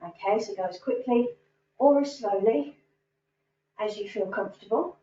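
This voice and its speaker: A woman's voice: medium pitch, moderate pace, warm tone, a little hiss or hum. A woman fitness instructor leading a standing cardio class, upbeat and encouraging as she counts reps. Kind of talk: guided exercise class. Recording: roomy, distant, dull sound.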